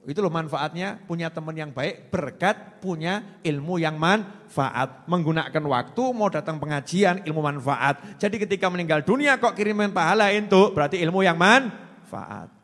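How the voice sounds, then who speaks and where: A man preaches with a Javanese accent, teasing and animated as he answers a question. His voice sits a little high for a man. The long reverb of a large hall trails after every phrase. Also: normal speed. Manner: animated and teasing, mixing in local words. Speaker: Islamic preacher.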